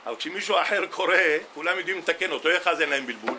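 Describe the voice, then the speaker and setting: In this Tisha B'Av sermon, a rabbi with an expressive voice on the high side tells stories and performs both sides of a quoted conversation. The background is noisy.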